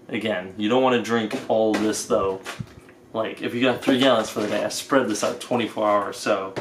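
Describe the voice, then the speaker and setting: A man's voice: lowish voice, noisy background. A young man in his twenties vlogging casually to camera, chatty and joking with loose rambling talk. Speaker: vlogger and powerlifter.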